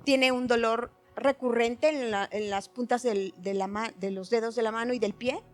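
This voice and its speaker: Woman, middle-aged, heartfelt personal testimony, higher voice, faint music underneath. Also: steady tone, normal speed. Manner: earnest, heartfelt storytelling. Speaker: church member giving testimony.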